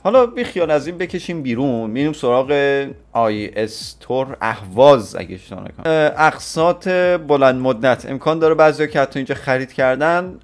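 A man's voice: mid-range voice, animated, few pauses. A man in his twenties from Iran giving blunt, opinionated reaction commentary with crude slang. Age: 20s. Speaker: YouTuber reacting to a clip.

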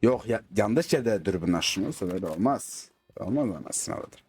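A man with a mellow, darkish voice gives casual gameplay commentary from his home setup. He is excitable and curses freely when the game frustrates him. Faint game gunfire sits behind him. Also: lowish voice, moderate pace, a little hiss or hum. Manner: says he slips into dialect when angry. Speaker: gaming YouTuber.

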